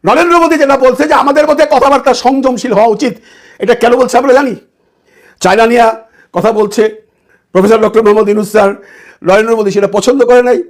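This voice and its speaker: A man giving heated online political commentary. He lets loose a scornful, shouting tirade and mixes English words into his speech. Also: very high voice, fairly even intonation, fast talker.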